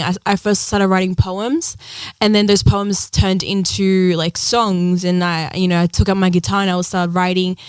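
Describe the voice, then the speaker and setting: A woman's voice: mid-range voice, clear, resonant tone, no room sound. Chatty young woman, dry close sound. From Ecuador. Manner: chatty, earnest, many "like" and "um" fillers. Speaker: singer-songwriter guest. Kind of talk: casual interview chat.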